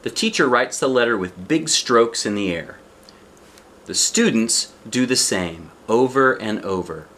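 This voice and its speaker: In a mid-range, slightly bright voice, a man reads a children's picture book a little slowly and with animation. He chats to the young listener with asides and questions, over faint background noise.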